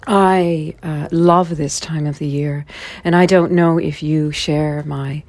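A woman in her forties hosting a listening series, musing in an unhurried way with small self-corrections. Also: low-pitched, fairly even intonation, darkish tone, no echo. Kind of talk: unscripted spoken introduction. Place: indoors in Toronto.

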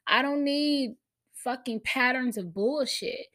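A woman's voice: sits high, takes it slowly, fairly bright tone. An American woman with a slight cold hosting a casual solo podcast, talking candidly and emphatically in slangy, often profane language. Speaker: podcast host.

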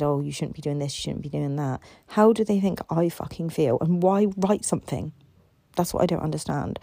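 A woman's voice: low-pitched, vocal fry, mellow, breathy edge, no echo. A tired woman in a candid solo podcast monologue, rambling and swearing a lot, frustrated and raw.

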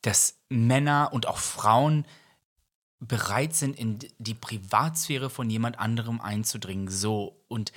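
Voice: medium pitch, a little slow. A co-host in casual podcast chat who speaks earnestly and indignantly, with some English phrases mixed in.

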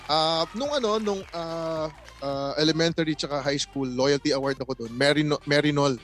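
A young Filipino man chatting in an interview as the guest singer, telling animated stories and jumping his voice up when quoting his parents. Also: a little high, normal speed, faint music behind. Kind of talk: casual interview chat.

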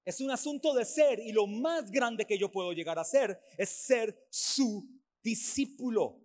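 A man, a pastor preaching a sermon at a church service, emphatic and repeating his points in lists, swinging from loud to hushed. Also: high voice, unhurried. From Costa Rica.

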